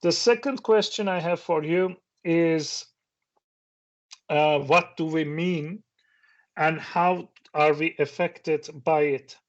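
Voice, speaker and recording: A middle-aged man, a native Turkish speaker, gives a reflective conference talk, posing questions to the audience and sometimes restarting. His voice is fairly high and slow, and the recording has a dull lo-fi sound.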